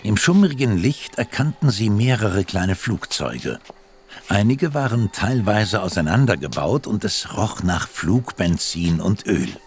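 A man's voice: fairly low pitch, big pitch swings, a little slow. A man narrating a children's detective audio drama as a suspenseful storyteller.

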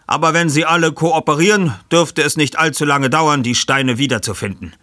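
Ein Mann liest ein Hörbuch und spricht den Ich-Erzähler, einen jungen Detektiv, bestimmt und methodisch. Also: male voice, a little high, moderate pace, pushed and bright, no echo, clean studio sound, pitched above the performer's own voice. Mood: composed. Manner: commanding, methodical. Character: calm, clever young male detective, the narrator.

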